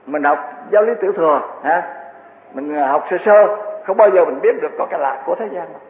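A man's voice: a little high, fast. A man giving a Buddhist sermon, earnest and repetitive, full of vivid everyday examples. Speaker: Buddhist dharma teacher. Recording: tinny phone-like echoey hall.

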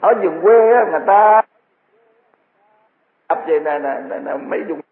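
A man's voice: sits high, moderate pace. A man giving a Buddhist sermon, earnest and repetitive, full of vivid everyday examples. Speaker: Buddhist dharma teacher. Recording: tinny phone-like echoey hall.

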